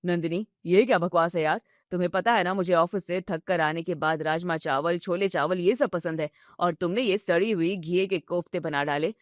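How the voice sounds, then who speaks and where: A sulky, whiny young husband with a low voice, played by a woman storyteller. He grumbles about his food and frets over his mother. The sound is dry and close. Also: moderate pace, few pauses, dry recording, lightly acted. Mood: grumbling. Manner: whiny, complaining. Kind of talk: storybook narration.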